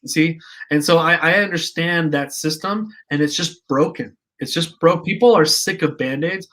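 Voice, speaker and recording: A man's voice: a little high, normal speed, fairly bright tone. A man being interviewed as a guest, speaking passionately and emphatically, with a preachy edge. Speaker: guest, energy healing practitioner. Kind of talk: casual interview.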